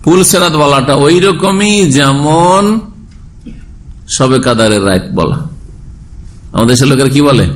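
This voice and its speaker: A man's voice: mid-range voice, lively intonation, unhurried, pauses often, slight background noise. A man preaching a sermon lecture, explaining step by step and asking his listeners rhetorical questions. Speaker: Islamic preacher.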